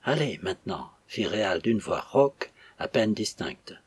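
A man narrating an audiobook in an even, measured reading with a husky voice. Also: lowish voice.

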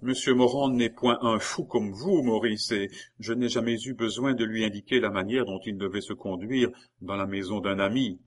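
A man's voice: on the low side, fairly even intonation, normal speed, few pauses, close to an everyday voice. A man reading aloud, voicing a tender, anxious young married woman with a raised, pleading, emotional delivery. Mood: fervent. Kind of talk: audiobook character voice.

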